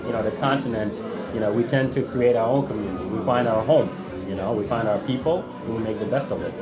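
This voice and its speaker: Man, 30s, from South Sudan; podcast guest author, relaxed and reflective. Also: on the low side, fast, over loud music. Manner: relaxed, reflective storytelling with fillers. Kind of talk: podcast interview.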